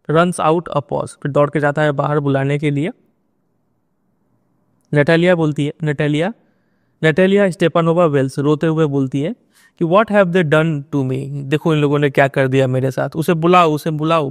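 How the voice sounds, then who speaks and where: Man, teacher, line-by-line textbook explanation, slow reading of quotes then explaining, fairly high voice, dry close sound. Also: no room sound.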